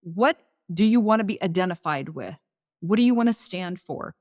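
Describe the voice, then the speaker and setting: A woman's voice: on the low side, lively intonation, moderate pace, a little mellow, no room sound, clean studio sound. Woman podcast host, coaching tone. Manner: poses rhetorical questions, coaching tone. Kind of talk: business podcast teaching and interviewing.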